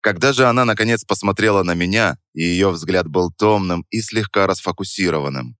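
Deep-voiced man narrating an audiobook. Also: normal speed, fairly bright tone, no echo, clean studio sound. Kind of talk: first-person audiobook narration.

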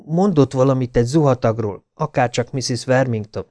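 A man voicing a cautious grown man in an audiobook, speaking in a measured, soothing way. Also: medium pitch, dark tone, dry recording, studio quality, voice pushed up, natural voice. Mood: steady.

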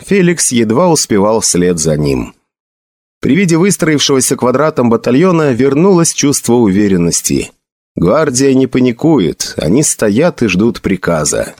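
A man reading a novel aloud as narrator, with expressive storytelling. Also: medium pitch, no echo. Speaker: audiobook narrator. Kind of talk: scripted narration.

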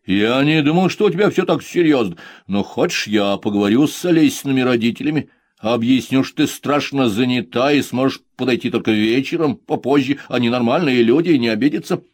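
A man's voice: mid-range voice, fairly quick, dry recording, pitched above the performer's own voice, lightly acted. A man doing a cheeky young son. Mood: apologetic. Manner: teasing, offhand.

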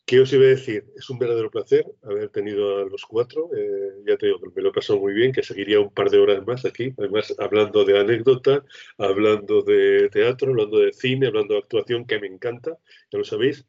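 A man's voice: on the low side, fairly even intonation, a little fast, dark tone. A man hosting a casual radio interview, talking in a friendly, rambling way. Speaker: radio host. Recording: dull lo-fi sound.

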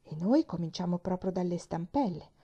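A woman's voice: lowish voice, expressive, moderate pace, mellow, breathy edge. A woman reading aloud, voicing a cheerful, earnest young girl who speaks sincerely and eagerly.

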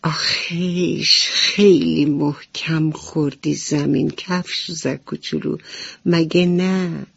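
A gentle, caring butterfly, as a woman puts her on. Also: sits low, steady tone, creaky, breathy edge, no echo, heavily acted. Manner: gentle, slow, sensible tone, a little raised. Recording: dull radio broadcast with soft music.

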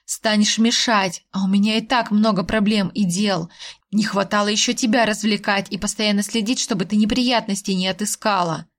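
A woman voicing a stern, weary male dragon husband who speaks slowly and firmly. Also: mid-range voice, fairly even intonation, close to an everyday voice. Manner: slow, firm, tired.

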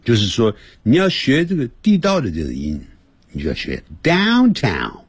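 A man teaching an English lesson on the radio. He explains grammar patiently and sounds words out slowly, several times over, to show how they should be said. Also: medium pitch, wildly swooping pitch, husky, no room sound. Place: radio studio.

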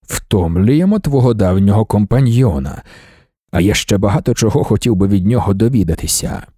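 A man reading an audiobook, voicing an ancient god-emperor in a low, slow, commanding tone. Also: animated, dark tone, dry recording, clean studio sound. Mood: stern.

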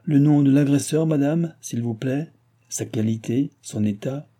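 A man's voice: mid-range voice, measured pace, mellow, voice pushed up, natural voice. A man voicing a royal police lieutenant who talks in an earnest, deferential way.

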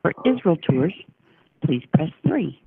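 A woman's voice in a recorded phone menu message, reading steady, formal prompts. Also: low voice, measured pace. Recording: husky, tinny phone-line audio.

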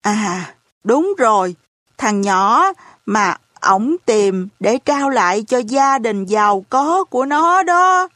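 A woman voicing a hard-of-hearing elderly landlady who speaks in a slow, lamenting, folksy way. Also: fairly high pitch, expressive, fairly bright tone, no room sound, clean studio sound. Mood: lamenting, gossipy.

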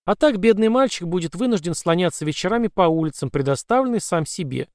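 A man voicing a sweetly menacing possessed mother who speaks in a sugary, calm, coaxing way. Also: sits high, fast talker, no room sound, studio quality, pitched above the performer's own voice.

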